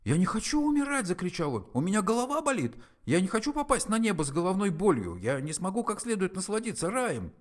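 A man's voice: high voice, moderate pace, fairly bright tone, voice pushed up. A man voicing a panicky, put-upon human man who complains shrilly.

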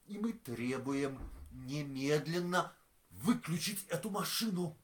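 A pompous male philosopher bristles with indignation, voiced by a woman. The pitch sits low but swings widely, and every word comes out slow and declamatory. This is audio drama, played like a stage speech. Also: animated. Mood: indignant.

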